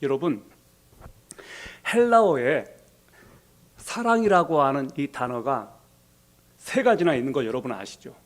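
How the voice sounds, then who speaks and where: A man preaching a sermon as pastor, telling the story and acting out quoted lines in a softer, lower voice. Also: big pitch swings, unhurried, pauses often.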